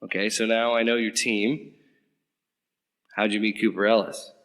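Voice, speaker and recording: This actor voices an interrogating government agent in an audio drama, earnest and a bit awkward, posing questions politely and hesitantly. His natural voice is on the low side and a bit bright, with flat delivery, a moderate pace, and a long reverb tail.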